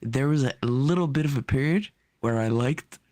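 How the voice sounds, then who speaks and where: A man hosting a casual podcast, relaxed and teasing as he steers the talk. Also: medium pitch, moderate pace, no room sound. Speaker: podcast host.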